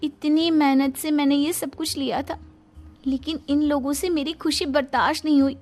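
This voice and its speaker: A woman's voice: high-pitched, fairly even intonation, normal speed, darkish tone, faint music behind, lightly acted. A woman voicing a spoiled young newlywed bride who complains and pleads petulantly in a cartoon story. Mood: gleeful sulking.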